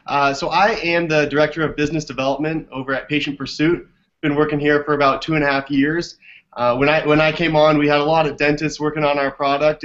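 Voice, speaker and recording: A man with a fairly bright, somewhat high voice speaks conversationally as an interview guest, a business development director explaining things over a video call. His video call microphone gives the audio a dull, lo-fi quality.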